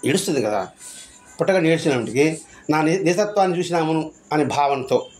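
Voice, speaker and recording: A man giving a devotional discourse, full of rhetorical questions and repeated phrases. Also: on the high side. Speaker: spiritual speaker.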